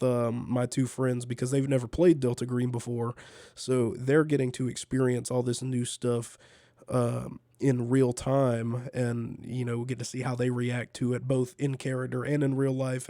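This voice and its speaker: A man's voice: medium pitch, mellow, no echo, clean studio sound. A man hosting a casual solo fireside-chat podcast, talking in a laid-back, conversational way with a congested, nasal voice because he is feeling sick. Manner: laid-back, conversational, repeats words as he goes. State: under the weather, sick. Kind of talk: casual rambling fireside chat about gaming.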